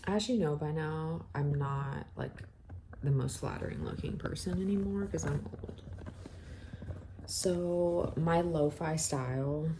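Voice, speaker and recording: A woman's voice: deep voice, background noise. A woman vlogging casually at home, rambling and muttering to herself as she fusses with a tripod-mounted camera. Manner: scattered, self-deprecating, muttering to herself.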